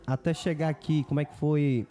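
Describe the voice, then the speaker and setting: A man's voice: a little high, steady tone, brisk, warm tone. A man hosting a podcast, talking in a loose, chatty, slangy way. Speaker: podcast host and voice-over artist.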